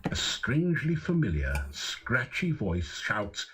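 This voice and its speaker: A man's voice: mid-range voice, sing-song, takes it slowly, fairly bright tone, faint music behind. A man giving wry, scripted second-person narration for a video game.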